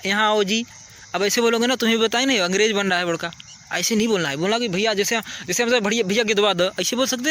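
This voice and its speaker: A man's voice: high voice, bright, forceful tone, slight background noise. A man, a teacher giving children earnest, repetitive advice outdoors at night. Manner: earnest, repeats "ठीक है" to check understanding. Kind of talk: casual advice talk to children.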